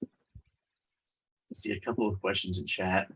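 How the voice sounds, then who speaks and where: Low-ish voiced guy presenting on a video call, stuffy and congested, lots of uhs. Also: level tone, slow pace, background noise. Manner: hesitant, many fillers and restarts. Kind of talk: webinar presentation and Q&A.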